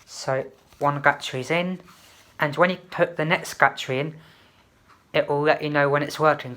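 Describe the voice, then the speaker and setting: A woman with a low-sitting, fairly bright voice does a casual unboxing and review, hesitantly demonstrating the product one step at a time. Faint clicks and background noise run through the recording.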